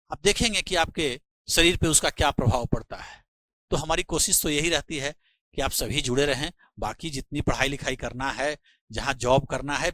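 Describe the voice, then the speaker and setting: A middle-aged Indian man, a physics teacher giving an earnest, preachy motivational talk to his students and slowing down to press his points. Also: fairly high pitch, pushed and bright, dry recording, poor audio.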